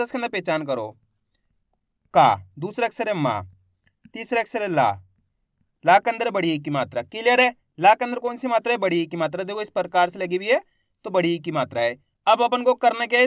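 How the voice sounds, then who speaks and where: A man teaching an online class to beginners, cheerful and repetitive, often asking the viewer if things are clear. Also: high voice, a bit bright, no room sound, studio quality. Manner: enthusiastic, repetitive, asks the viewer questions. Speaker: Hindi reading teacher.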